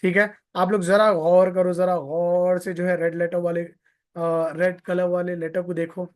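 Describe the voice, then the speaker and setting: Slow, patient male tajweed teacher. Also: sits high, level tone. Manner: patient, repeats points, stretches vowel sounds to demonstrate; sprinkles in pious blessings. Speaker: Quran recitation teacher. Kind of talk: live online lesson.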